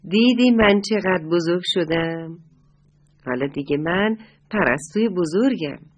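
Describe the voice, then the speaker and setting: A woman's voice: lowish voice, lively intonation. A woman voicing a proud young swallow chick boasting that it has grown up, in a storybook tale.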